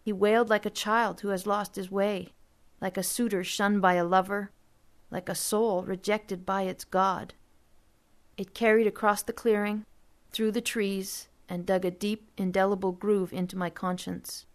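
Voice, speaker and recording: A woman narrates a first-person story in audiobook style. Her delivery is steady and vivid, at an ordinary middle pitch. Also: measured pace.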